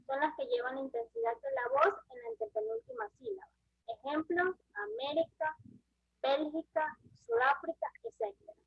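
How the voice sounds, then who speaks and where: Woman student reading her class part, very high and gravelly voice, dry close sound. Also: no echo, lo-fi sound. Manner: reads definitions and examples in short bits. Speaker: student presenter.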